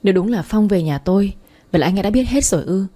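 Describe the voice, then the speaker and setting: A woman narrating a first-person love story aloud in a plain, even storytelling manner. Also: medium pitch, rapid-fire.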